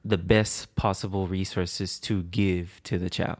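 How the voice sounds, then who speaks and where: A man in his twenties co-hosting a casual podcast with his partner, talking in quick runs with restarts. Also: low voice, flat delivery, darkish tone. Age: 20s. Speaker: podcast co-host. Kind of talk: casual couple's podcast chat.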